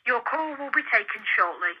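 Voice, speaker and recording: A woman's voice: a little high, expressive, normal speed, lo-fi sound, heavy background noise. A woman's recorded phone greeting, heard over a landline phone as she formally announces menu options.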